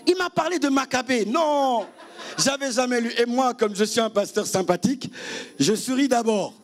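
High-voiced playful preacher man. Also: moderate pace. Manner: playful, teasing, acts out scenes with shouts and laughter. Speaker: pastor. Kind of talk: humorous sermon. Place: church seminar.

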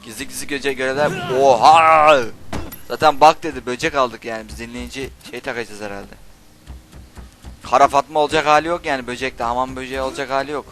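A young man doing Let's Play commentary, swearing and shouting insults at game characters while he plays. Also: medium pitch, fairly even intonation, a little fast. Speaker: gaming channel host.

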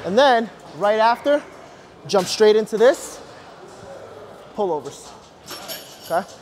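High-voiced trainer coaching in a gym. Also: male voice, very animated, darkish tone. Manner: instructive, brisk cues and encouragement. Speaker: personal trainer. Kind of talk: coaching through a workout. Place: large indoor gym. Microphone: lapel mic.

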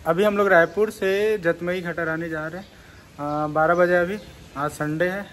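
A young man talks his way through a motorbike ride in a bright, high voice, chatty and quick to joke. He speaks into a camera mic while riding outdoors. Loud road and traffic noise runs under everything he says. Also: steady tone. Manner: chatty, joking, laughs often. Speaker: motorcycle vlogger. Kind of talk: casual ride commentary.

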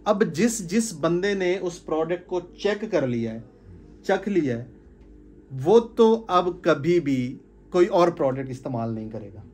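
A man's voice: fairly high pitch, expressive, measured pace, darkish tone, slightly rough, soft background music. Emphatic man lecturing on sales. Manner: emphatic, repeats phrases for stress, gestures while talking. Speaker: sales trainer. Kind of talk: informal business talk to a small group. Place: indoor room with curtains.

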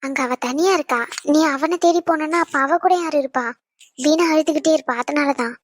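A woman's voice: high-pitched, moderate pace, slight background noise, natural voice. A woman voicing a bossy young wife in a cartoon who scolds and teases her husband. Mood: reassuring. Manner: scolding, teasing. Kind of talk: cartoon voice acting.

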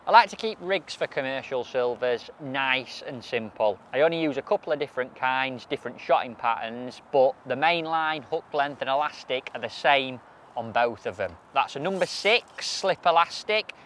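A man's voice: medium pitch, expressive, moderate pace, a bit bright, slight background noise. Chatty man explaining outdoors. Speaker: match angler giving tips. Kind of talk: outdoor fishing tutorial. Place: seated on a fishing platform at a lakeside, outdoors.

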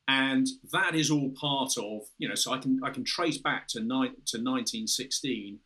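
This interview guest, a former fighter pilot, is a British man in his fifties joining by video call from an indoor room with a window and red curtains. At normal speed, his mid-range voice sounds pushed and bright as he explains at length, restarting often and saying "you know."

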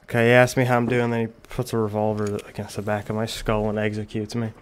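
A man's voice: lowish voice, completely flat delivery, fast talker, background noise. A young man with a slangy, sweary, exasperated frat-bro manner, doing casual gameplay commentary. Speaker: gaming video host.

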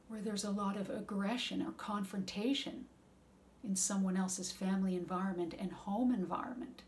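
A woman giving a calm, gentle talk of spiritual advice in a measured, reflective way. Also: mid-range voice, slight background noise. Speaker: wellness speaker.

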